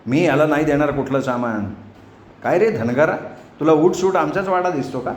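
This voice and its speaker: A man playing a hot-tempered, stingy middle-aged village uncle who shouts angrily in a storybook reading, in an echoey room. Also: normal speed, close to an everyday voice. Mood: angry. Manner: angry shouting, raised pitch. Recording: echoey room, faint noise.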